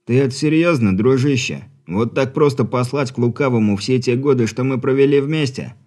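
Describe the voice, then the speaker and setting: A man's voice: mid-range voice, normal speed, darkish tone, pitched above the performer's own voice, lightly acted. A man reading an audiobook, voicing a touchy, grumbling male mercenary with a complaining, reproachful manner.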